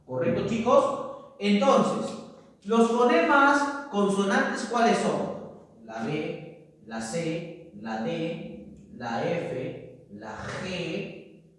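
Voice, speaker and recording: A man's voice: high voice, drawn-out words, long pauses, fairly bright tone. A man teaching a classroom lecture to students, who keeps checking in with tag questions. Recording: echoey room, far from mic.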